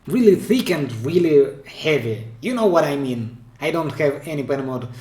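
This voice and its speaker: A man's voice: fairly high pitch, animated, normal speed, darkish tone. A man with a Russian accent, hosting a pen spinning channel and chatting casually about viewer clips, hesitant and often restarting mid-phrase. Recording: echoey room.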